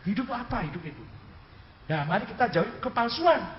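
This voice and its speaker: Lively fast-talking preacher in an echoey hall. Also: male voice, very high voice, a little hiss or hum. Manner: animated, mimics dialogue for humor, quotes Arabic. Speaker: Islamic cleric lecturing. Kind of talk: religious lecture to an audience. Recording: echoey, slightly muffled hall recording.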